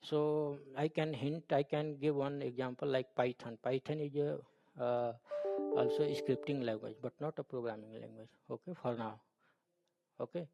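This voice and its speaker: A man with an Indian accent explaining informally as a tutor, halting and repeating himself, often checking with "okay?". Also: fairly even intonation, gravelly, over loud music. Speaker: programming tutor. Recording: boomy, long room reverb.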